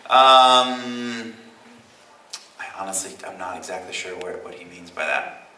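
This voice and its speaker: Man, thirties, convention panel Q&A, rambling, self-deprecating, bright low voice, echoey hall, distant mic. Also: a little slow, slight background noise. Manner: chatty and self-deprecating, rambling answers with restarts. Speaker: voice actor answering fan questions on a convention panel. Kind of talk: casual panel Q&A. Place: large convention hall, live audience.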